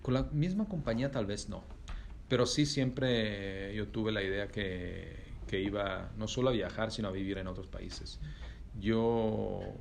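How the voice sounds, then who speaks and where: A middle-aged man, speaking Spanish as an in an interview as a company executive, thoughtful and pausing often with fillers. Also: lowish voice, vocal fry, a little hiss or hum. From Italy. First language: Italian. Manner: thoughtful, pauses with many fillers and restarts. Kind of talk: reflective interview answers.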